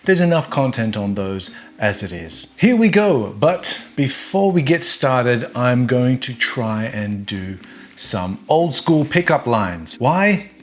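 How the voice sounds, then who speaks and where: A man's voice: mid-range voice, big pitch swings, slow pace. Chatty, wry man reviewing colognes. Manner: chatty, wry and self-deprecating. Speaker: fragrance reviewer. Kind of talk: casual video review.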